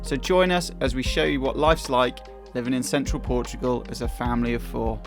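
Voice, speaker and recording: A man's voice: medium pitch, steady tone, a little fast, music in the background. A man hosting a family vlog, chatting in an upbeat, easygoing way while he walks around outdoors on a rural farm. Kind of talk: casual vlog narration.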